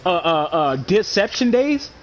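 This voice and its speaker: Excitable high-voiced young man ranting. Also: unhurried, a little hiss or hum. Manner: excited, animated, swears a lot, slangy. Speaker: gaming commentator. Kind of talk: casual gameplay commentary.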